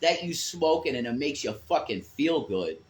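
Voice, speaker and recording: A livestream co-host with a voice on the high side banters at a moderate pace, emphatic and lively, swearing often in the casual exchange.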